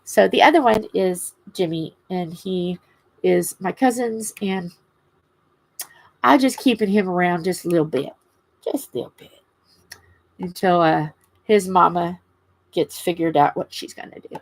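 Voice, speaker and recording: A woman chatting casually and haltingly on a livestream, her words slightly impeded by a swollen lip. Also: fairly low pitch, rough recording. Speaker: craft livestream host. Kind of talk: casual rambling livestream chat.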